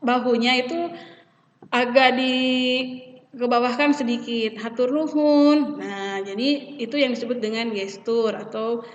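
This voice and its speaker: A woman teacher explains a lesson one point at a time. Her voice sits fairly high, and she hesitates often as she goes. She is recorded from a distance in a long, echoey hall, and the sound is dull. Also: fairly even intonation, measured pace. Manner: explains step by step, with frequent hesitations.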